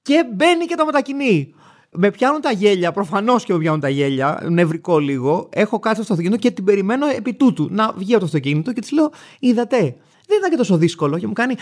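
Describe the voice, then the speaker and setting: Wry, animated male show host. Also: high-pitched. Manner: wry, animated, acts out dialogue in a raised voice. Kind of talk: casual storytelling monologue.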